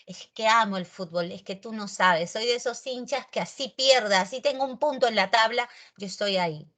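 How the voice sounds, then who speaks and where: A woman teacher with a Peruvian Spanish accent giving a grammar lesson in a chatty, expressive way, talking straight to her students. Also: on the high side, fairly quick. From Peru.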